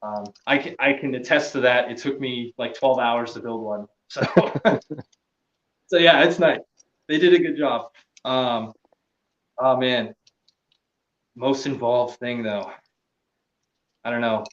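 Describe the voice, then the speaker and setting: A man's voice: medium pitch, fairly even intonation, slow, pauses often, a bit bright, lo-fi sound. Laid-back man in a roomy space. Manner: laid-back, trailing off, swears casually, laughs often. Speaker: podcast guest, gear maker. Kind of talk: casual chat.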